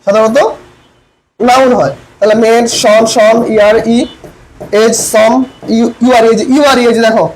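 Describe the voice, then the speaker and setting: A man's voice: very high-pitched, flat delivery, moderate pace, slight background noise, rough recording. A man with a Bangladeshi Bengali accent teaching an online English grammar class, asking students questions and repeating key points. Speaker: admission coaching lecturer.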